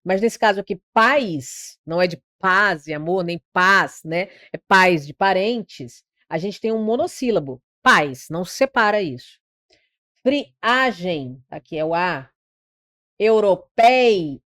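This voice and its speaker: A woman's voice: lowish voice, normal speed, hardly any pauses, fairly bright tone, no room sound, studio quality. A Brazilian woman teaching an online grammar lesson for exam prep. She explains step by step, asks rhetorical questions and drags out words to show which syllable is stressed. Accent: Brazilian Portuguese.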